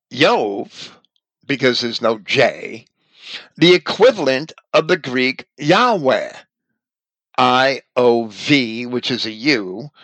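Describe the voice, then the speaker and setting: A man giving a measured, deliberate lecture on scripture and language, now and then pausing to correct himself. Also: medium pitch, a bit bright, no echo, low-quality recording.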